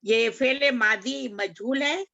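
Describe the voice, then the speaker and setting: Give me a hesitant woman student with a bright, sharp voice. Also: a little high, gravelly, muffled recording. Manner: hesitant, repeats after the teacher. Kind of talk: online class answering a teacher.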